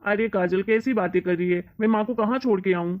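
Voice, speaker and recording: A woman's voice: medium pitch, fairly quick, close to an everyday voice. Woman playing a greedy son. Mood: coaxing. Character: greedy middle-aged son and husband. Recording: dull lo-fi recording.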